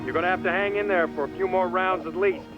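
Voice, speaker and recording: A man's voice: high voice, fairly even intonation, fast, lo-fi sound, music in the background, close to an everyday voice. A man voicing a pragmatic, encouraging lawyer in a video game, matter-of-fact and cajoling. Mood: frank, cajoling.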